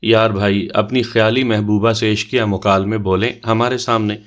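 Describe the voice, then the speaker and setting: Cheeky young guy running a party game, low voice, ribbing everyone, as a male reader puts him on. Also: steady tone, natural voice. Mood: teasing. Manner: mischievous, bantering. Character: teasing playful young man, game leader.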